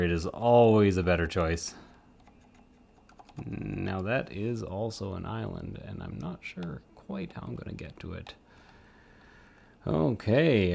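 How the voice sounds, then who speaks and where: With a lowish, darkish voice and some vocal fry, a streamer who supports 3D print models talks casually as he works on a live stream. He rambles and makes self-mocking asides.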